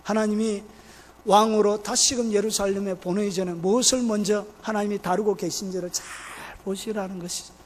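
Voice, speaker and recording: A man with a strikingly high voice preaches a sermon with impassioned storytelling. He bursts into loud exclamations, then drops to quiet, low lines. His voice rings with the long reverb of a church hall. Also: steady tone, a little fast, a little hiss or hum. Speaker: pastor. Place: church sanctuary.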